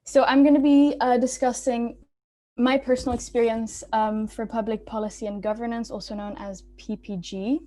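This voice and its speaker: A young woman from Belgium talks through a student presentation over a video call. Her voice sits a little high and her delivery is chatty and informal, full of ums and small restarts. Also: fairly even intonation, moderate pace, mellow. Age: young adult. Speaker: student speaker.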